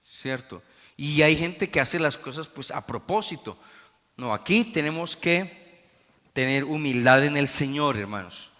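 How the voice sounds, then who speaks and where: Bright-voiced preaching man, echoey church. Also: on the high side, lively intonation, a little slow. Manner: preachy, emphatic, frequent "amén, hermanos". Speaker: pastor. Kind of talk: Sunday school sermon.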